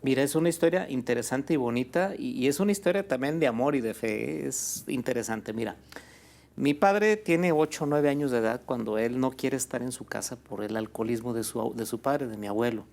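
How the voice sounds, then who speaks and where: A Mexican man with a gravelly, creaky voice tells a long story as a guest in a conversation. He speaks in a relaxed, chatty way, often pausing on fillers and asking "¿no?" at the end of his phrases. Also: mid-range voice. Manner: relaxed, fills with "este" and "pues", ends phrases with "¿no?". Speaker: guest, birria restaurant owner.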